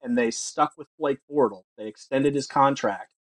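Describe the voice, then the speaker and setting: A male co-host speaks in a steady, matter-of-fact manner. His voice sits at a middling pitch, and he builds his point calmly. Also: moderate pace. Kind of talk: casual talk show banter.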